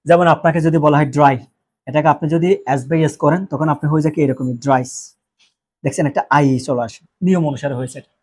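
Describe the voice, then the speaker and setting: A man's voice: fairly high pitch, fairly even intonation, fast, darkish tone, slightly rough. A Bangladeshi man teaching English grammar in Bengali, who keeps asking questions and answering them himself, with joking asides. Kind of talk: classroom lecture.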